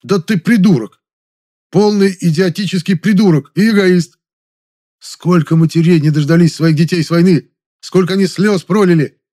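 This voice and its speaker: A male audiobook reader voicing a stern, blunt young man who scolds loudly and shouts. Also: fairly high pitch, voice pushed up. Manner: loud, scolding, shouting outbursts. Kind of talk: audiobook reading.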